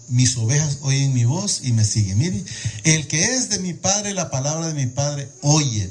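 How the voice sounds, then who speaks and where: A man's voice: fairly high pitch, darkish tone. A man preaching a sermon, reading scripture aloud and explaining it with rhetorical questions, often repeating words as he searches for the next one.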